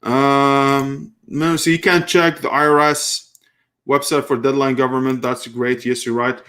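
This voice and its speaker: Reading out viewer comments on a relaxed live stream, this thirtysomething host originally from Kuwait has a medium-pitched, slightly bright voice with an even tone and measured pace. His speech is loose, full of restarts while he works through his thoughts.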